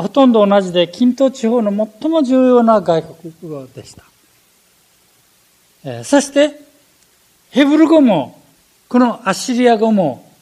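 An older man preaching a sermon, animated, with frequent fillers and self-corrections. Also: extremely high pitch.

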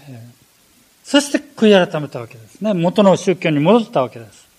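An older man preaching a sermon, animated, with frequent fillers and self-corrections. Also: high-pitched, brisk.

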